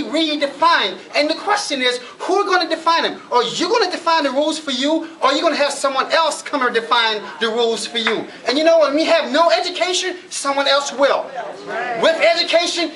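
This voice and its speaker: A middle-aged keynote speaker gives a motivational talk at a college event, his very high voice pushed and bright. He tells stories and acts out his own inner thoughts with mounting emphasis, on a low-quality recording.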